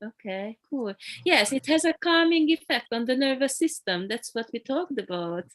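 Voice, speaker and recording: A woman qigong teacher leading an online group class over a video call, explaining calmly with soft encouraging murmurs. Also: high voice, normal speed.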